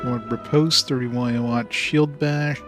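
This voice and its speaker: A man's voice: mid-range voice, steady tone, normal speed. A man giving casual, offhand let's-play commentary, thinking aloud and swearing freely as he plays. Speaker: game streamer. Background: game music.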